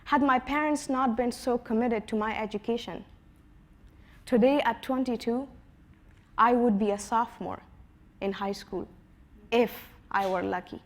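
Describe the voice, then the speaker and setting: A woman in her twenties from Afghanistan, giving a prepared personal talk in an earnest storytelling manner, her voice dropping softly at the ends of phrases. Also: on the high side, unhurried, pauses often. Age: 20s. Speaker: conference speaker.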